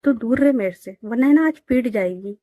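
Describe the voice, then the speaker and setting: A woman's voice: on the high side, normal speed, mellow, no echo, clean studio sound, close to an everyday voice. A woman voicing a young woman, a stubborn elder sister who scolds her sibling in a spoken audio story. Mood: scolding. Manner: blunt, scolding.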